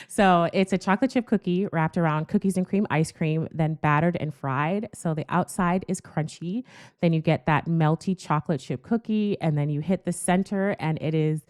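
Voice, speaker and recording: A woman in her thirties with a notably low voice, speaking as a guest on a podcast. She tells stories enthusiastically and laughs often as she talks. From Jamaica, raised in South Florida. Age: 30s. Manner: enthusiastic, animated storyteller who laughs often. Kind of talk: casual podcast conversation.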